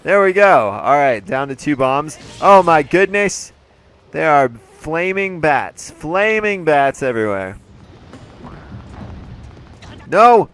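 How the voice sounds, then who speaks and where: A let's play host gives casual, playful gameplay commentary full of jokey asides, his voice a bit congested and his throat slightly off. He speaks slowly in a fairly high, sing-song voice that is a bit bright, clear, and resonant, with soft background music.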